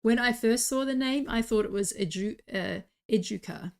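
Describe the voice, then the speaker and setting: A woman's voice: on the high side, normal speed, clear, resonant tone. A woman hosting a live online stream, chatty and encouraging as she cheers competitors on. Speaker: host.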